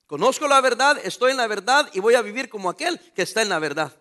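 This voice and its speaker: A man's voice: extremely high pitch, big pitch swings, fast talker, bright, forceful tone. A middle-aged man, a pastor preaching a sermon with emphatic rhetorical questions to his congregation.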